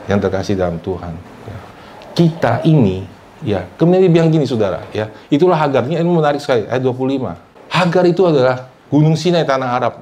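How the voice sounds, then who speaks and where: A male pastor delivering a sermon, often calling out to his listeners and asking for amens, and mixing English phrases into his talk. He rises loud for emphasis, then drops low and soft. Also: a little hiss or hum. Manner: preaching with frequent calls of "saudara" and "amin", mixing in English phrases.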